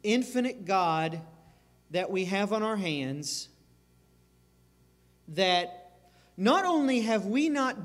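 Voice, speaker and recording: A man preaching a sermon as pastor, earnest and emphatic, circling back over phrases. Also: high-pitched. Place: church sanctuary. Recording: reverberant church sanctuary.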